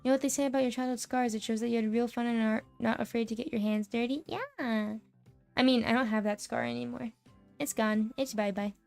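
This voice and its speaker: A young American woman streaming a casual chat, telling stories in a lively way, laughing often and swearing freely. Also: on the high side, a little fast, gravelly, soft background music. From United States.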